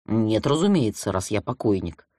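A man's voice: lowish voice, very animated, normal speed, darkish tone, no room sound, voice pushed down. A narrator voicing a sardonic, laconic man in a detective audiobook, recorded dry and close.

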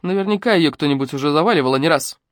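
A coarse male village thug from a storybook, gruff and mocking, muttering his crude orders, as a woman reader puts him on. The sound is dry and close to the mic. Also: low voice, racing, no echo, close to an everyday voice.

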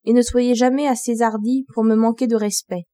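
A woman's voice: fairly high pitch, steady tone, a little fast, mellow, no echo, close to an everyday voice. A woman reading the lines of a powerful, vengeful fairy in a storybook, in a commanding tone. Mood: imperious. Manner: commanding, absolute tone.

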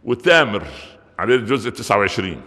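Preaching a Friday sermon in a large hall with long reverb, this man speaks with an Egyptian Arabic accent, cracking jokes and firing off rhetorical questions. His voice sits on the low side, animated and quick, with a fairly bright tone.

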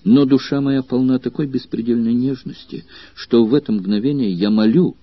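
A man's voice: mid-range voice, moderate pace, dry recording, highs cut off, close to an everyday voice. A man reading an ardent young gladiator. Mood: rapturous. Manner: passionate, pleading, rising outbursts.

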